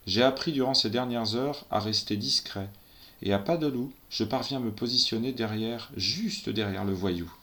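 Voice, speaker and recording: A man's voice: mid-range voice, normal speed, fairly bright tone. Man narrating a tense first-person story.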